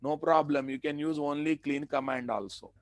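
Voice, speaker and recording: Indian-accented male instructor, fairly high-pitched, dry sound. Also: steady tone, moderate pace, no room sound. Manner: repeats phrases, asks and answers own rhetorical questions. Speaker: software training instructor. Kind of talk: live technical lesson.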